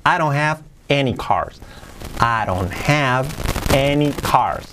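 Male English teacher, native Spanish speaker, animated mid-pitch voice, slow repetitive drilling. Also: background noise. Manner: lively, drills phrases slowly and repeats them. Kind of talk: casual video lesson.

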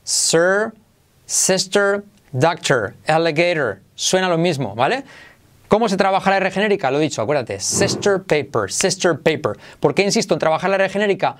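Man teaching, drilling words slowly. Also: sits high, expressive. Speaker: English pronunciation teacher. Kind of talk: video lesson.

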